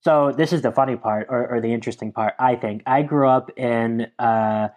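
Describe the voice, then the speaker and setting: A man's voice: medium pitch, moderate pace, a little mellow. A man from Connecticut, a guest on an interview show, talking earnestly and analytically in long explanations about politics. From Connecticut, USA. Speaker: guest, Africa democracy advocate. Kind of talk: interview conversation.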